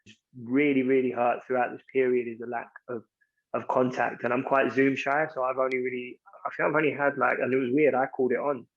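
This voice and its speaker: A man's voice: mid-range voice, level tone, fairly quick, highs cut off. A man mentoring young men, talking frankly and reflectively in a loose, candid chat.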